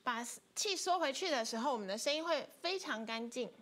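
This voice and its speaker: A woman's voice: high-pitched, expressive, a little fast, fairly bright tone. A woman teaching an online flute class, patiently explaining technique step by step. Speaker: music teacher. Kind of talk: online instrument lesson.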